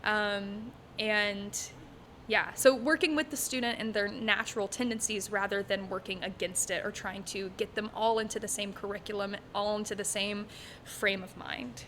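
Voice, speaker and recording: A Texas music teacher in her twenties is interviewed in a bright living room set, speaking into a stand mic placed in front of her. She's chatty and casual, with frequent ums and light laughs, in a medium-pitched, fairly bright voice at a steady tone and moderate pace; there's slight background noise.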